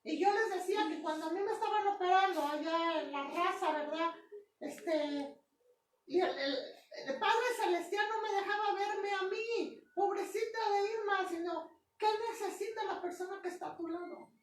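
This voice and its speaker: A woman pastor preaching in a very high voice. She repeats her points with emphasis, keeps checking in with the congregation and draws key words out in a half-sung cadence. The recording comes from an echoey church hall with the mic well away from her. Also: moderate pace, far from the mic, a little hiss or hum. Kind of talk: sermon with personal testimony. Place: church sanctuary.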